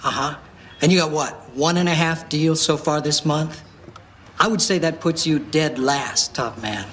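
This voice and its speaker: A man's voice: a little high, unhurried, a bit bright, a little hiss or hum. An actor playing a stern, condescending dealership manager who scolds a salesman. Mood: scolding. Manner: cutting, scolding.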